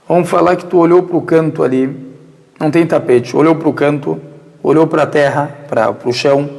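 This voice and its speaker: Gravelly Brazilian man teaching with hall echo. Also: a little high, a little mellow. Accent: Brazilian Portuguese. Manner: rhetorical questions answered by himself. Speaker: religious teacher. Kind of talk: informal religious lesson answering questions. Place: mosque prayer hall.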